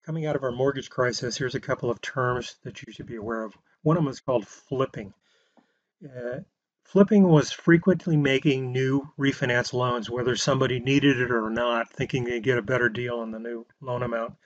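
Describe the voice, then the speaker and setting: Talking through slides about home loans, a male real estate instructor keeps his delivery plain and explanatory, full of restarts and fillers. He speaks fairly quickly in a steady, mid-range voice, and the recording is muffled with no room sound.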